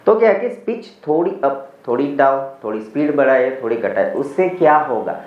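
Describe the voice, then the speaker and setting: A man's voice: mid-range voice, expressive. Man coaching, echoey far-off room. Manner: switches between Hindi and English, demonstrating model answers slowly. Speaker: IELTS coach. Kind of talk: teaching in Hindi mixed with English. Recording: echoey room, mic at a distance, dull lo-fi sound.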